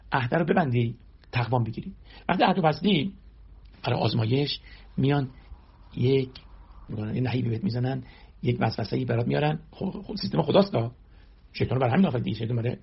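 A man's voice: medium pitch, expressive, vocal fry, long pauses, breathy edge. A man giving a sermon, explaining scripture verse by verse and answering his own rhetorical questions. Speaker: religious teacher. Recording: dull lo-fi recording.

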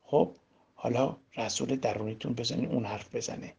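A man preaching a sermon on Quran verses, who asks and answers his own questions and swings between loud emphasis and hushed demonstration. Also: mid-range voice, steady tone. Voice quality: gravelly; husky. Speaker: religious teacher. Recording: dull lo-fi recording.

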